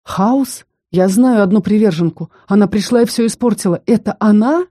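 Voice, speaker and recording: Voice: mid-range voice, moderate pace, mellow, dry recording, clean studio sound, voice pushed up, close to an everyday voice. A narrator voicing a shaken, grieving young man. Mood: despairing. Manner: pleading, strained, ringing. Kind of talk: audiobook character reading.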